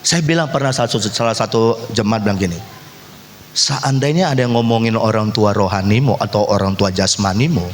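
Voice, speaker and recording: A male pastor preaching a lively sermon in a church, acting out quoted voices and teasing the congregation. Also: lowish voice, a little fast, slight background noise. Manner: animated, acts out quoted voices, teases the congregation. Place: church hall. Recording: echoey church hall.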